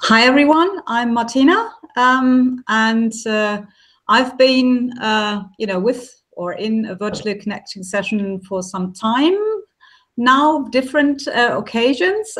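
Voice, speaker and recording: A woman's voice: fairly high pitch, a bit bright. A woman talking casually on a video call as she introduces herself. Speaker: doctoral researcher, online participant.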